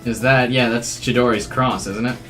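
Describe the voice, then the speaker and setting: A man's voice: medium pitch, fairly even intonation, moderate pace, a bit bright. A man giving casual playthrough commentary, reading game narration aloud and reacting to it. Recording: game music behind.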